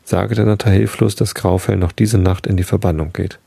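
A dejected old bull elk from a storybook speaks quietly and heavily, as a man reads him out. The voice is very low and gravelly, with a dark, husky tone. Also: steady tone, a little fast, no echo, heavily acted. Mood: downcast. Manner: subdued, heavy-hearted speech.

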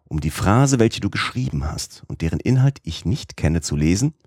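A man's voice: low voice, sing-song, normal speed, a little mellow, dry recording, clean studio sound, voice pushed up. A man voicing a stern, obsessive old professor in an audiobook, with a commanding, lecturing tone. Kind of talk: audiobook character voice.

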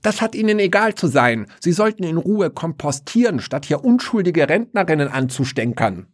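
A man voicing a cranky old widow who scolds indignantly in a raised, shrill voice. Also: big pitch swings, normal speed. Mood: scolding.

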